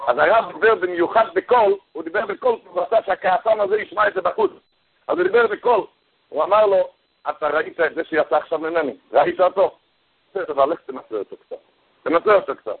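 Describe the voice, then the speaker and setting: A man giving a storytelling sermon, animated, his voice leaping high whenever he acts out the people in his story. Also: gravelly, breathy edge. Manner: animated storytelling, voice jumping high for quoted characters. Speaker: rabbi giving a Torah talk. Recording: tinny phone-like radio broadcast.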